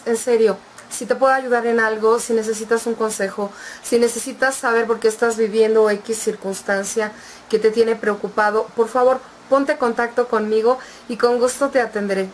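A woman's voice: a little high, slight background noise. A woman vlogger giving casual, reassuring advice, speaking straight to her viewers in an affectionate way. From Mexico. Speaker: vlogger and tarot reader.

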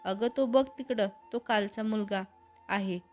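A woman's voice: medium pitch, unhurried, a little mellow, faint music behind, natural voice. A woman voicing a proud, hot-tempered young woman in a storybook reading. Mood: nervous. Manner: angry, indignant.

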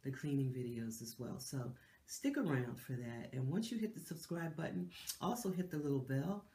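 Speaking at normal speed in a very deep, animated voice, a middle-aged woman hosts a lifestyle channel from a decorated living room with an echoey sound. She's congested and nasal from a cold, and her chatty, warm delivery is packed with fillers and restarts.

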